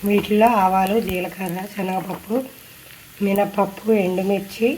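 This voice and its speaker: Mellow woman narrating a recipe. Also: mid-range voice, flat delivery, normal speed, low-quality recording. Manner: polite, instructional. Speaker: home cooking vlogger. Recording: faint noise with kitchen clatter.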